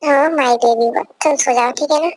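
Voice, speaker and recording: Young woman doing a possessive husband in a fan dub, barks orders over and over, highish voice, dry. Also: measured pace, no echo. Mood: coaxing. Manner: commanding, repeats orders.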